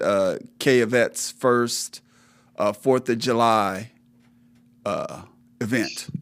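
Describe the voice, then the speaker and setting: Measured male podcast host. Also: mid-range voice. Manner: measured, reads through a list with many fillers. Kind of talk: casual interview.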